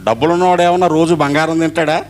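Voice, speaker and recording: A man's voice: fairly high pitch, fairly even intonation, quick pace, a little hiss or hum. A middle-aged male pastor preaching an Easter sermon, acting out dialogue as he goes.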